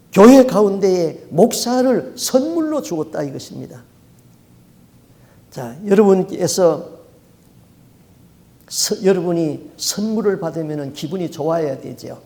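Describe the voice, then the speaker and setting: High-voiced, mellow Korean pastor preaching. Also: male voice. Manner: storytelling preacher asking rhetorical questions; emphatic, repeats key words. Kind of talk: sermon.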